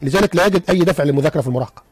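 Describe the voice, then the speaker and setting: A man with an Egyptian accent, a guest psychologist on a radio interview, explaining in an animated way with stories and rhetorical questions. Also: on the high side, racing, breathy edge.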